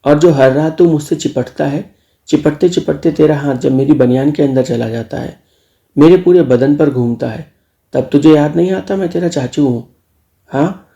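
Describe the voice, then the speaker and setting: A man's voice: a little high, moderate pace, creaky, mellow. A man voicing a bossy, teasing middle-aged uncle in a spoken story. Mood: scolding. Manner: teasing, scolding.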